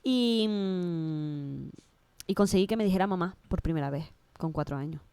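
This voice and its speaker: A woman's voice: on the low side, moderate pace, dark tone, clear, resonant tone, dry recording. A woman with a Canary Islands Spanish accent, a guest in an interview, speaking emotionally and often restarting and repeating her words. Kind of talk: casual interview conversation.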